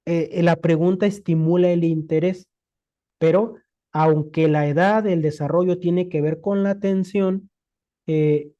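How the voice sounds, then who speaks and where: Mexican spanish speaker lecturing, super dark mellow voice, lots of questions back at you, muffled lo-fi sound. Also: medium pitch. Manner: explains with rhetorical questions and everyday examples. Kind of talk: conversational lecture. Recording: dull lo-fi recording.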